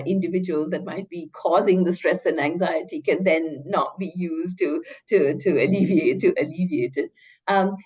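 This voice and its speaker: A middle-aged woman speaking as an academic researcher in an interview, hesitant and measured, often repeating words as she reasons. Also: on the low side, a little mellow, highs cut off. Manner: hesitant, stammering, measured scholarly phrasing. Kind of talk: interview answer, academic discussion.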